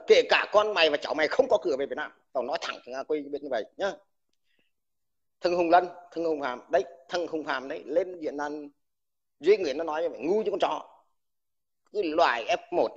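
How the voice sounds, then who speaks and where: A combative man, an army veteran, in a furious livestream rant. He hurls crude insults at the listener, speaking at a somewhat raised pitch, and stutters over repeated words when worked up. The recording is dull and lo-fi. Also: fairly quick, breathy edge.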